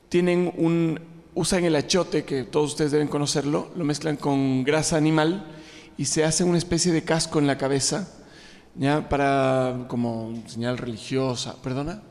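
Illustrator in his forties, from Ecuador, telling stories on stage with self-deprecating jokes; slightly high voice, big reverberant hall. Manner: joking, self-deprecating, frequent fillers and restarts. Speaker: illustrator giving a talk. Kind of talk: humorous public talk to a live audience. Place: large hall with an audience.

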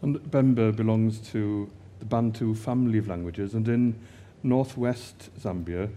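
A man's voice: fairly low pitch, a little slow, dark tone, a little hiss or hum. A man interviewing a poet, asking questions with a hesitant, filler-heavy delivery.

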